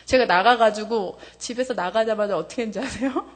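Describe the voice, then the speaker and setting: A woman in her thirties giving a testimony to a congregation, candid and animated, laughing often, her voice jumping high when she gets excited. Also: brisk. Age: 30s. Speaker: church member giving testimony.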